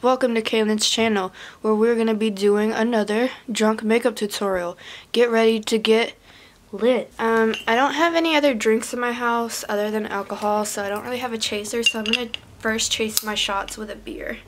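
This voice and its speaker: A woman's voice: a little high, steady tone, normal speed. A young woman vlogging casually to camera indoors, talking in an informal, slangy, sweary way. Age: young adult. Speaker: video creator, channel host. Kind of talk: casual vlog chat to camera.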